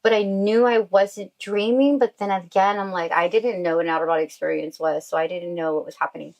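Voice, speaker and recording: A woman's voice: lowish voice, fairly even intonation, a little fast, gravelly, darkish tone, poor audio. A woman guest telling her own story in a casual interview, with an emotional delivery and many fillers. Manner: emotional, uses "like" often.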